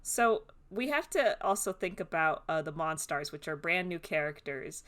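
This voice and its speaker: A woman's voice: low voice, animated, normal speed, a bit bright. A woman co-hosting a podcast in casual chat, rambling with many fillers and often breaking into giggles. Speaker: podcast co-host.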